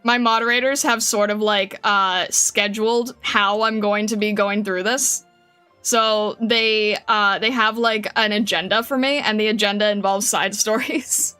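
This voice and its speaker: A woman livestreaming casually while she draws, thinking aloud in a hesitant, rambling way with a bright, high voice. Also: steady tone, unhurried, clear, resonant tone, soft background music. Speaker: livestreaming artist.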